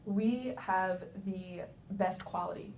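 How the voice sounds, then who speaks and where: A woman playing the client in a sales pitch practice, answering hesitantly in a role-played business conversation. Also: slow pace, gravelly, darkish tone. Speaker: practice client acting as a meat business manager. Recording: faint rumbly background noise.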